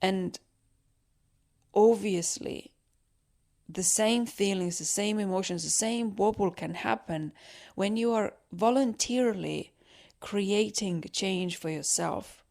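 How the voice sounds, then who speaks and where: A woman's voice: medium pitch, takes it slowly, vocal fry, darkish tone. A woman hosting a solo motivational podcast, talking earnestly and encouragingly with lots of "like" and "um" fillers. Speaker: podcast host.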